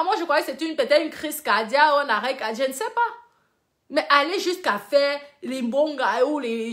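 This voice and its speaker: A woman's voice: on the high side, fairly bright tone. A middle-aged woman giving casual, emphatic commentary to her online viewers, lecturing and repeating words for stress.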